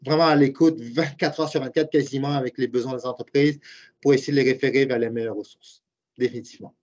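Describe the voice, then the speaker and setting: A Québécois-accented man in his late forties, a university program director and professor, earnestly answers webinar questions, explaining his views and thinking aloud. His voice is medium-pitched and darkish, fast with fairly even intonation. The web call audio is muffled and lo-fi.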